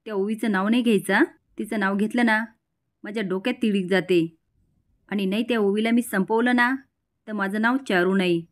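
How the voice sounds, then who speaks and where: A spiteful, jealous young woman, read aloud by a woman recapping a TV serial. The voice sits at a plain middle pitch and is read out simply rather than fully acted. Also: steady tone, moderate pace, natural voice. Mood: indignant.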